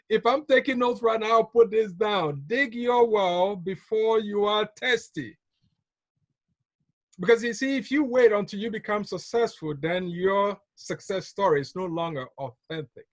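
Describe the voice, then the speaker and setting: Ghana-born guy on a video call, highish voice, dry sound, keeps repeating his main point. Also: measured pace, dry recording. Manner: storytelling, repeats key phrases, chuckles often. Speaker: business trainer. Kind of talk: motivational talk on a call.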